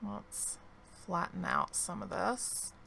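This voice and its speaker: Woman, gaming commentator, slow and unhurried, fry in the voice, slightly hoarse. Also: mid-range voice, bright, forceful tone, slight background noise. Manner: slow, thinking aloud while playing. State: losing her voice, clearing her throat. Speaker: gaming video creator. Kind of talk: relaxed let's-play commentary.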